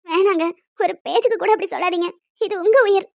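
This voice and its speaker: A woman voicing a gentle young wife who pleads earnestly with her husband. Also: extremely high pitch, fairly quick, creaky, dry recording. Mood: pleading. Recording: dry, dull lo-fi audio, faint music.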